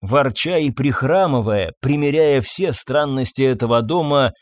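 A man narrating a tense story in expressive scripted narration. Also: medium pitch, unhurried, no echo. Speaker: audiobook narrator.

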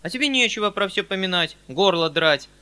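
A kindly old country landowner, played by a man reading a novel aloud, fussing and hurrying over his words. The voice is bright and forceful, pitched above the reader's own and noticeably louder. He pleads and excuses himself constantly. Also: big pitch swings. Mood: defensive. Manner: hurried, fussy, pleading.

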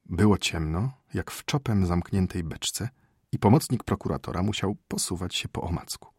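A man narrating a classic short story as an audiobook, in a measured, expressive manner. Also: low voice, slightly rough, no echo, clean studio sound.

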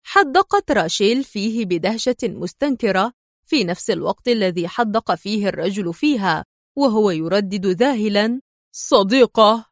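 A woman narrating a story in an expressive, dramatic reading voice. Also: mid-range voice, moderate pace, no room sound, studio quality.

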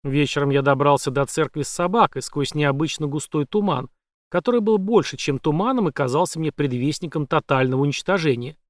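A man narrating a first-person thriller audiobook in a measured, dry storytelling manner. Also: on the high side, expressive, no room sound. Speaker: audiobook reader.

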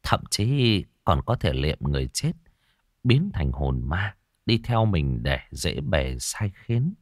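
A man telling a ghost story in a slow, dramatic way, his low voice rising and falling with lively swings. He drops to a hush at tense moments, and the recording is dry and close. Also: no room sound.

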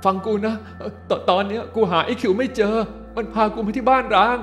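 A man's voice: sits high, fast talker, soft background music, voice pushed up, natural voice. A man voicing a frightened young man who is lost in a haunted house and is pleading frantically for help.

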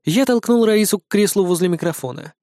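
Lively audiobook narrator, dry close sound. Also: mid-range voice, a little fast, no echo. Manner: lively, growls gruff lines as a tough bandit. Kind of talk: first-person audiobook narration.

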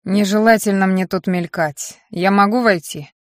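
A woman's voice: medium pitch, steady tone, moderate pace, dry recording, studio quality, lightly acted. Woman doing a brash young man, drawling. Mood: casual. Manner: offhand, mumbling drawl.

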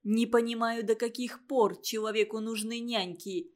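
A woman's voice: on the high side, fairly even intonation, moderate pace, a little mellow, close to an everyday voice. Woman voicing a stern, cutting young woman. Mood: harsh. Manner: harsh, cutting, emphatic. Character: stern, sharp-tongued young woman student.

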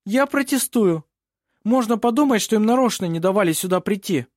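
A man voicing a sour, hostile lawyer who objects sharply and loudly. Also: high voice, expressive, fairly quick, no echo, studio quality, pitched above the performer's own voice. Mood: outraged.

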